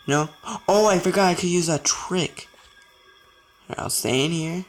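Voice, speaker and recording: A man's voice: high-pitched, normal speed, soft background music. A young man giving let's play commentary, talking to himself and getting frustrated as he goes. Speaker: gamer.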